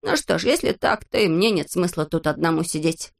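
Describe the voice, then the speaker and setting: A woman voicing an excitable, boastful boyish little shorty in a storybook reading, eager and exclaiming. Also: on the low side, fairly quick, creaky, full character voice. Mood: excited. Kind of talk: storybook character voice.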